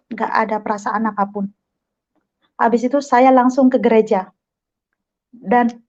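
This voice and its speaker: A woman's voice: a little high, darkish tone, dull audio. A woman giving an earnest, emotional personal religious testimony and quoting her own prayers. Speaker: testimony speaker.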